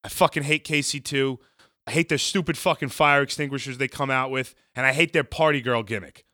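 A man's voice: mid-range voice, fairly even intonation, fairly quick, sharp tone, no room sound, studio quality. A man co-hosting a wrestling podcast, leading the recap with strong opinions in casual chat. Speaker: podcast co-host.

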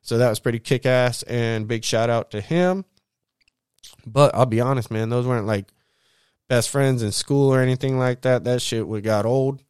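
Brief: young Southern California man, relaxed street-slang storyteller, smooth voice, close and dry. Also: mid-range voice, moderate pace, no echo. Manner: laid-back, slangy, profane, lots of shout-outs. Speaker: vlogger. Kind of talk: casual storytelling monologue.

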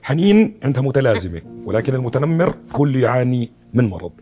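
A man's voice: medium pitch, big pitch swings, fast talker, dark tone, faint music behind. A man with a Levantine Arabic accent hosting a talk show and interviewing guests.

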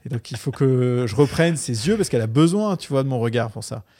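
Middle-aged male guest, candid and animated, casual swearing, mid pitch. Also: a little fast. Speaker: investor guest. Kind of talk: casual interview chat.

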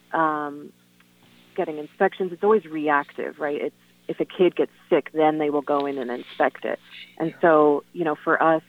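A woman heard over the phone, her voice thin and tinny and dry, with no room sound around it. She is a guest calling in to a radio show. She talks earnestly but haltingly, stopping to restart and filling pauses with "um" and "you know". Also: deep voice, dry recording. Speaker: guest on a call-in radio show, tenant organizer. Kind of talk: casual radio phone interview. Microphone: telephone.

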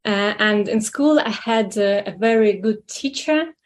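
A woman's voice: medium pitch, a little hiss or hum. A woman in her thirties from Russia, nervously answering interview questions. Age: 30s. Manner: nervous, slow and halting. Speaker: interview guest.

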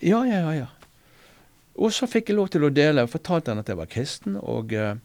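A man's voice: on the high side, sing-song, darkish tone, dry recording. A man telling a personal faith story in casual conversation, earnest, hesitant and full of fillers and restarts. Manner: earnest, preacher-like retelling. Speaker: interview guest sharing a testimony.

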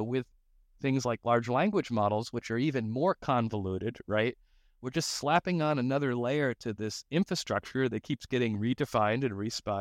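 A man's voice: mid-range voice, no room sound, studio quality. A man hosting a podcast, talking in a loose, rambling way with many fillers as he builds his thoughts aloud. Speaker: podcast host. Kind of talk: casual podcast conversation.

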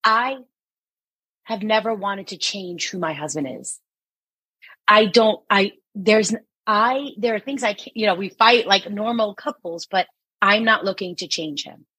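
A woman in her forties with a New York accent, co-hosting a laid-back podcast. Her voice is bright and a little husky, and it sounds dry and close. She talks in an animated, teasing way and laughs often. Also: medium pitch, measured pace, no echo, low-quality recording. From Queens, New York. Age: 40s. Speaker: podcast co-host. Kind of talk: casual chat.

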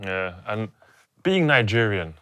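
Bright-voiced young male podcast host. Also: on the low side, slow pace, no room sound. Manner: relaxed questioning, playful asides. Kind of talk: casual chat.

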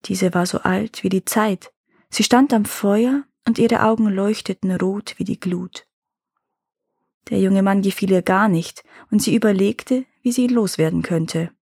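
A woman narrating a fairy tale in calm, measured scripted storytelling. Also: medium pitch, gravelly, breathy edge, dry recording, studio quality. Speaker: storyteller reading fairy tales.

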